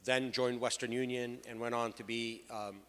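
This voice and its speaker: This panelist, a middle-aged payments executive from Lebanon, relates his own experiences at a conference. His medium-pitched voice is smooth and a bit bright, flat in delivery at a moderate pace, echoing through the hall's PA.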